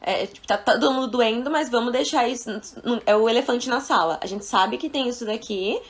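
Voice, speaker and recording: A woman's voice: fairly high pitch, brisk. A woman hosting a podcast who reflects back and sums up her guest's feelings. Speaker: podcast host. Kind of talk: empathetic conversation.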